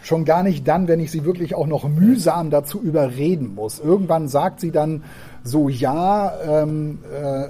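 A man's voice: on the high side, a little slow, mellow. A man presenting a book on a podcast in casual chat, hesitant and full of fillers, and enthusiastic about it. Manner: hesitant, with many fillers and restarts.

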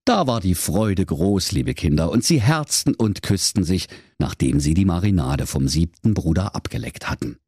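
A man narrates a comic fairy tale in a mock-solemn storybook tone. His voice is low and husky, with a very wide swing of pitch. The sound is close and dry. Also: animated, moderate pace, hardly any pauses, a little mellow, no room sound.

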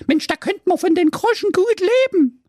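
A man voicing a fussy, dramatic young sister in an exaggerated shrieking falsetto. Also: very animated, normal speed, dry recording, clean studio sound. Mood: excited.

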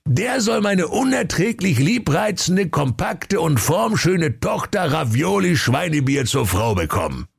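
A man voicing a gluttonous, bossy old fairy-tale king who shouts his demands. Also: fairly high pitch, big pitch swings, unhurried, creaky, hardly any pauses, slightly rough, voice pushed up, full character voice. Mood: scheming.

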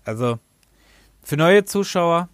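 A man's voice: on the high side, lively intonation, takes it slowly, no room sound. A man hosting a casual game review podcast, rambling and often tripping over his words and correcting himself. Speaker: podcast host.

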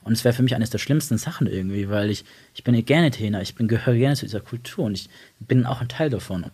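A young man who grew up in Germany and Italy, talking about his life in a reflective, halting way with many restarts. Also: mid-range voice, dark tone, slightly rough. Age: young adult. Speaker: interview guest. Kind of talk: casual personal talk.

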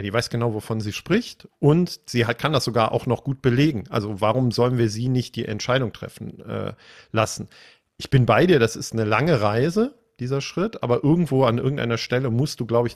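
A man's voice: mid-range voice, lively intonation, a little fast. A man hosting a podcast interview, talking in long reflective sentences. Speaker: podcast host.

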